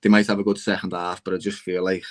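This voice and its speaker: Man, young adult, Scouse accent, low voice, passionate, casual football debate. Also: fast talker. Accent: Liverpool (Scouse). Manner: passionate, repeatedly says "lad", animated. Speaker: Liverpool fan panelist on football podcast.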